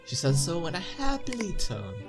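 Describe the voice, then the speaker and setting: At normal speed, the let's play narrator's voice runs on the high side, its pitch swooping wildly. He reads the visual novel aloud with a stuffy nose, adding casual remarks while game music plays.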